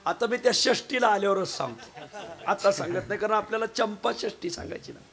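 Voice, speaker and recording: Still hoarse from performing three kirtans the previous day, a man from Maharashtra preaches a humorous devotional kirtan to a village crowd, with harmonium and mridang accompaniment. His fairly high, bright voice is folksy and full of jokes aimed straight at his listeners, while faint instrumental music plays behind him.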